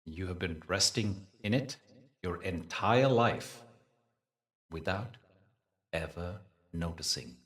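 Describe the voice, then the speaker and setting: A low-voiced man guides listeners through meditation, speaking slowly and with care and letting silences sit between his soothing, teacher-like phrases. He sounds somewhat distant from the microphone, and the tone is fairly bright.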